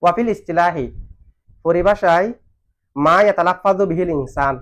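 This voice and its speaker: A man's voice: high voice, normal speed, a bit bright. A man teaching a grammar lesson, asking questions and waiting for students to answer. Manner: asks questions and has students answer back. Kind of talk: classroom lesson on Arabic grammar. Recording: dull lo-fi recording.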